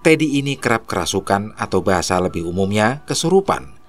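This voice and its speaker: A man narrating a horror story in a steady storytelling manner. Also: fairly low pitch, fairly quick, faint music behind.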